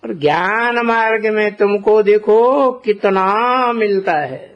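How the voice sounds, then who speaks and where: A man giving a slow spiritual discourse as a teacher, deliberate and posing rhetorical questions to his listeners. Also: sits high. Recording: dull lo-fi recording.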